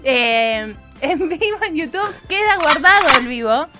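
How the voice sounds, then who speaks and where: A woman's voice: sits high, animated, a little slow, pushed and bright, faint music behind. A woman with an Argentine accent co-hosting a live show, effusive and giggly. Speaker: co-host.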